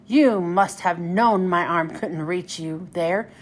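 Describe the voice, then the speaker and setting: A woman's voice: fairly low pitch, slow pace, a little hiss or hum, voice pushed down. A woman voicing a cranky, bossy male dockside crane in a children's storybook, with a complaining manner.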